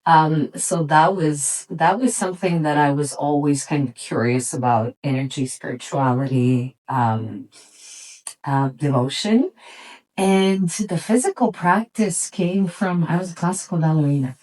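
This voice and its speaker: Guest: low-pitched woman, middle-aged, from Serbia, reflective and unhurried, lots of pauses. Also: darkish tone, rough recording. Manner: thoughtful, reflective, with frequent pauses and restarts. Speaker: yoga teacher and studio owner, guest. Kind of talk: relaxed conversational interview.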